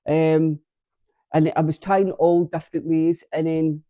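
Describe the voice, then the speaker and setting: Her voice sits low and dark, level in tone and unhurried, captured dry and lo-fi by a camera on a tripod at home. A knitting vlogger with some sinus congestion, she chats casually about her craft, wandering off topic and cutting herself off mid-thought.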